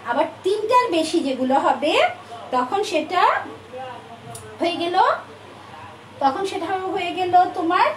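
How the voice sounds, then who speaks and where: A woman's voice: very high-pitched, expressive, slow, long pauses, crowd noise. A woman English teacher with a Bangladeshi accent in English, giving an online class, mixing English into her talk and calling students dear, with frequent filler sounds. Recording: echoey room, distant mic, faint noise.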